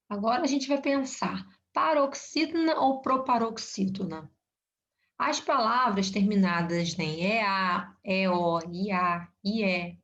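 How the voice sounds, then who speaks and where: A woman with a Brazilian Portuguese accent walks through a grammar lesson, explaining each point carefully. She keeps checking in with her listeners through little tag questions. Her voice sits at a medium pitch, heard through a somewhat muffled, lo-fi recording. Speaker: teacher. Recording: dull lo-fi recording.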